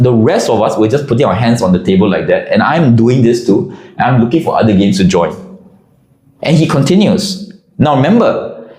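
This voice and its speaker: Man, storyteller, animated, lively pitch, casual anecdote, echoey room. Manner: animated, expressive delivery.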